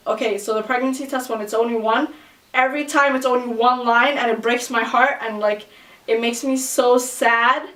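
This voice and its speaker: A woman's voice: fairly high pitch, a bit bright. A woman vlogger telling a personal story in a chatty, casual way, full of fillers, now and then shrieking out quoted voices. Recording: echoey room, voice from a distance.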